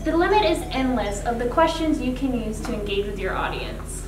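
A woman's voice: fairly high pitch, lively intonation, fairly quick. A young woman offering friendly coaching tips during a cooking demonstration. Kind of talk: instructional cooking demo. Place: demo kitchen set, indoors. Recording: roomy distant mic with music.

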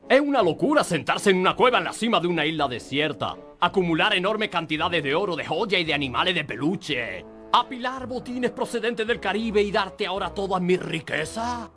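A grandiose, mustache-twirling villain, Castilian Spanish. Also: male voice, high voice, lively intonation, normal speed, a bit bright, faint music behind. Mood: manic. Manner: theatrical mustache-twirling villain, evil laugh. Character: grandiose male villain, pirate smuggler king. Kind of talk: video game voice acting.

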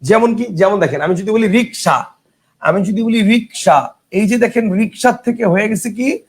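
A man's voice: high-pitched, fairly quick. A man teaching a grammar lesson for exam preparation, explaining patiently, repeating examples and checking that his students follow. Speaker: exam-prep grammar tutor. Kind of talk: online lecture.

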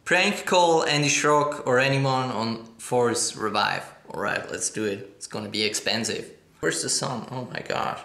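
An upbeat young Swiss man whose first language is German runs a casual Q&A skateboarding vlog from a sofa in his living room, chatting and reading questions aloud. His bright, medium-pitched voice is a little slow, captured by a fixed camera across the echoey room with slight background noise.

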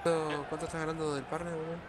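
A man's voice: on the high side, racing, noisy background. A young man with an Argentine accent, bantering and swearing as a teammate during a football video game. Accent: Argentine Spanish. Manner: animated, swearing. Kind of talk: casual gaming banter.

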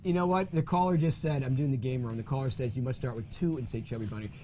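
A man hosting a casual party game, joking and energetic. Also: mid-range voice, fast, highs cut off, slight background noise. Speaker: host.

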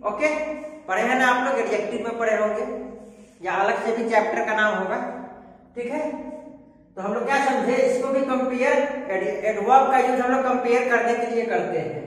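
A man's voice: extremely high pitch, moderate pace. A man teaching a grammar lesson. He asks the class questions and then answers them himself, mixing English terms into his explanation. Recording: echoey room, voice from far off.

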